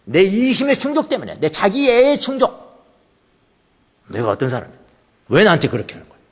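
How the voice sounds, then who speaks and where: A man's voice: sits high, huge pitch swings, a little fast. A male pastor preaching a sermon, emphatic, repeating phrases and putting questions to the congregation. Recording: long church hall reverb.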